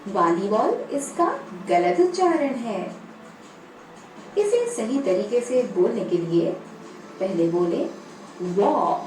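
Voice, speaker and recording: A woman's voice: a little high, expressive, slow pace, pauses often, dark tone. A woman teaching children, breaking words into syllables and praising them as they repeat. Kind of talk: slow, drawn-out pronunciation lesson for children. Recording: echoey room, off-mic, faint music.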